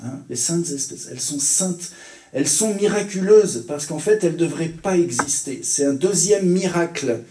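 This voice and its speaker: A man's voice: a little high, expressive, moderate pace, mellow, roomy sound, a little hiss or hum. A man giving a teaching sermon, in a conversational way, often checking in with his listeners with little tags and questions. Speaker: preacher.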